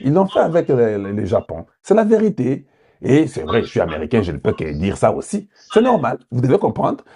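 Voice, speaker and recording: Using huge swings in pitch, a man from Congo speaks a little fast in a dark-toned, mid-range voice as he offers political commentary. He is rhetorical, quizzes his audience, and at times switches into Lingala.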